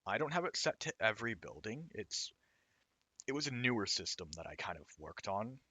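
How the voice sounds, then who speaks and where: A man with a hoarse, raw throat, casually explaining his own game while he plays it. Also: fairly low pitch, sing-song, normal speed, sharp tone, no room sound. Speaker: indie game developer. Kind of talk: let's-play commentary.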